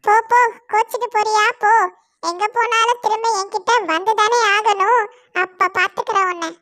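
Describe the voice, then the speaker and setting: A woman's voice: very high voice, steady tone, normal speed, pushed and bright, no echo, clean studio sound, faint music behind. A woman voicing a greedy, bossy young female bird who orders her sister around in a scornful, commanding way.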